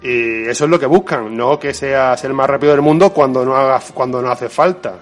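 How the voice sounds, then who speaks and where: A man from Spain, co-hosting a casual podcast, telling lively stories about his effects work, swearing freely and laughing often. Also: medium pitch, a little fast, soft background music. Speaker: podcast co-host, creature effects painter. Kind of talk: casual podcast chat, storytelling.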